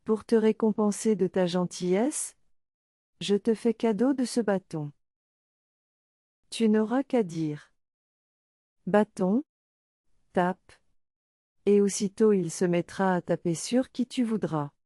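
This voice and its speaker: A woman doing a gentle old fairy. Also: mid-range voice, slow pace, pauses often, no echo, clean studio sound, close to an everyday voice.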